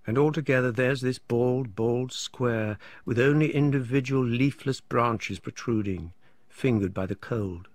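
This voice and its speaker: Male narrator, husky voice, lowish pitch, lively intonation, dry close recording. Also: dry recording. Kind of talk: literary audiobook narration.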